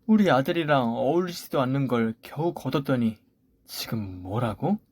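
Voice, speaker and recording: A spiteful older mother-in-law snaps and sneers in a clipped, scolding way, as a man reads her part. The voice sits in a middling pitch and sounds close and dry, with no room around it. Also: animated, normal speed, darkish tone, no room sound. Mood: scornful. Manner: scolding, cutting remarks. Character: scheming older mother-in-law, sharp-tongued and scornful. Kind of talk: story radio voice acting.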